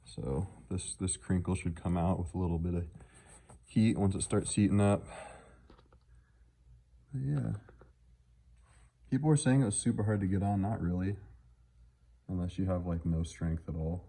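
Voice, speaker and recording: In a relaxed handheld vlog, a car enthusiast walks through the modifications on his truck, speaking casually and without a script. He has a deep, warm voice, talks at normal speed, and leaves long pauses.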